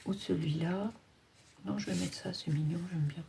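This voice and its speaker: A woman's voice: fairly low pitch, moderate pace, vocal fry, mellow, a little hiss or hum. A woman hosting a casual crafting tutorial, chatting and thinking aloud as she works.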